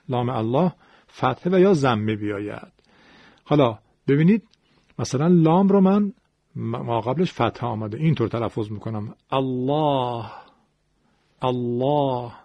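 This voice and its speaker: A man's voice: fairly high pitch, no room sound. A man teaching Quran recitation in a patient lecture, explaining rules and demonstrating pronunciation aloud, on a dull lo-fi recording. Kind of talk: classroom-style lecture.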